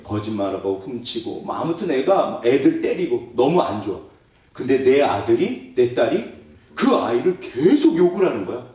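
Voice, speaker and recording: A male pastor preaches with a lively, swooping delivery, putting questions to his congregation and acting out little prayers. His voice booms around a very echoey church hall, picked up from well away from the mic. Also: recorded from a distance. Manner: animated, asks the congregation questions and acts out prayers and quotes. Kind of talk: sermon. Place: church sanctuary.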